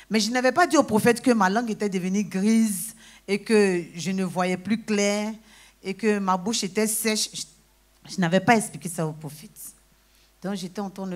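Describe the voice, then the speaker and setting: A woman giving a lively personal testimony in church, breaking into praise exclamations and acting out conversations. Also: medium pitch. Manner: exclaims praise, acts out dialogue.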